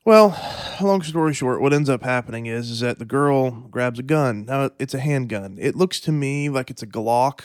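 A man hosting a solo podcast in a relaxed, rambling way, with fillers and throat clearing, eating and sipping coffee at the mic. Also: medium pitch, normal speed, no room sound, studio quality. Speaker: podcast host. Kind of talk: casual solo podcast talk.

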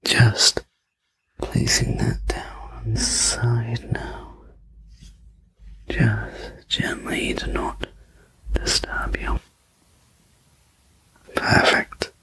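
A breathy, gently soothing whispered role-play in the manner of a sleep story narrator, guiding the listener through relaxation. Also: medium pitch, very animated, extremely slow, pauses often, low-quality recording.

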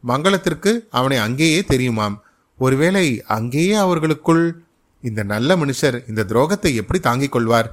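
A man narrating a short story as a podcast storyteller, in a steady, measured reading. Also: mid-range voice.

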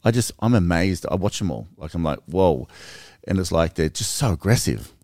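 A low-pitched man talks through his ideas in a relaxed podcast chat, earnest and animated, often restarting mid-sentence. The sound is dry and close, with no room around the voice. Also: brisk, dry recording. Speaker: podcast co-host. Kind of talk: casual conversation.

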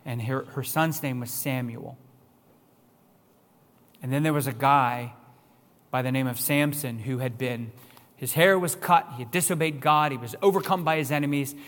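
A man's voice: medium pitch, moderate pace, long pauses, a bit bright. Preaching man in a reverberant hall. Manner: rising to emphatic, raised-voice questions. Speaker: pastor. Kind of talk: sermon. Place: church sanctuary.

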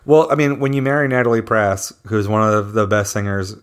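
A man's voice: lowish voice, brisk, clear, resonant tone. A man, a musician guest, chatting casually and animatedly, spinning playful theories. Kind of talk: casual chat.

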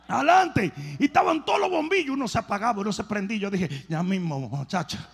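A man's voice: very high-pitched, big pitch swings, fast talker, creaky, husky, big-room sound. A male pastor preaching a sermon with comic storytelling and emphatic delivery.

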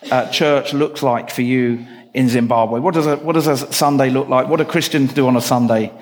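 A man's voice: mid-range voice, fairly even intonation, moderate pace. A man leading a church service, interviewing a guest, who often stumbles and repeats words as he forms his questions. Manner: hesitant, repeats words while forming questions. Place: church hall. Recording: reverberant hall with faint noise.

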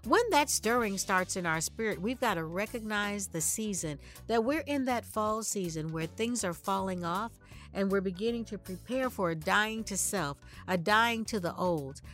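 A woman's voice: mid-range voice, lively intonation, moderate pace, a bit bright, soft background music. A woman hosting an inspirational ministry podcast, speaking in a conversational, preaching style with rhetorical questions and dramatic emphasis. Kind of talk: motivational sermon-like monologue.

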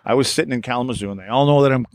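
A blunt, profane man, telling his stories as a podcast guest. He voices both sides of old conversations at a middle pitch, recorded close and dry. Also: racing, no room sound. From Wisconsin. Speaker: podcast guest, former hockey player. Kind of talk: casual storytelling.

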